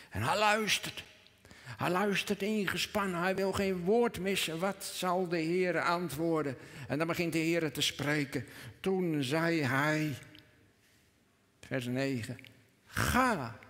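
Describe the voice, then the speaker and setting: A middle-aged man preaches to his congregation, earnest and sometimes emphatic, sometimes hushed. His voice sits a bit high. Long reverb from the church hall trails behind his words. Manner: earnest, rising to emphatic peaks, dropping to a hush on quoted prayers. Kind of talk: sermon.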